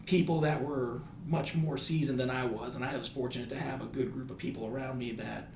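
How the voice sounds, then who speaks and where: This American principal in his thirties has a mid-range voice with fairly even intonation, a slightly quick pace, and vocal fry. He's thoughtful in his podcast interview, often circling back to reword things, in an echoey room with faint noise.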